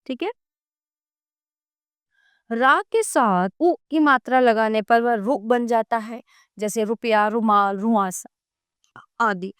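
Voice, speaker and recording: A woman teacher giving a grammar lesson to children, addressing them directly and spelling out sounds slowly one by one. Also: on the high side, fairly bright tone, smooth, no room sound, studio quality.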